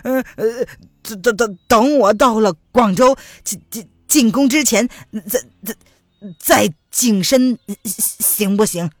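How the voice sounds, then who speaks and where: A woman's voice: mid-range voice, animated, a little slow, no room sound, clean studio sound, soft background music. A woman voicing a fawning, cowardly male gang boss who stammers and grovels. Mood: stammering.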